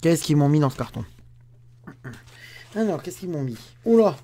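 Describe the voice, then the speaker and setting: A man's voice: fairly high pitch, animated, normal speed, warm tone. A man hosting an unboxing video at home, chatting to the camera and grumbling aloud as he unwraps things. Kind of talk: casual talk to camera.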